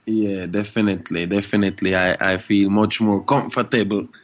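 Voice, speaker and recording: Young male reggae artist, low voice, relaxed interview talk full of verbal tags. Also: moderate pace. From Guadeloupe and Switzerland. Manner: laid-back, frequent "you know" and "you understand" tags.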